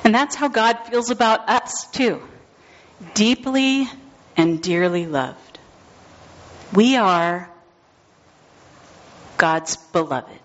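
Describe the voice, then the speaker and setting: A woman pastor giving a gentle, deliberate sermon, speaking to the congregation by name. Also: medium pitch, lo-fi sound.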